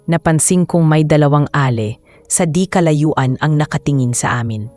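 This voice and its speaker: A woman narrating a first-person love story in a calm, reflective, scripted way. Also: deep voice.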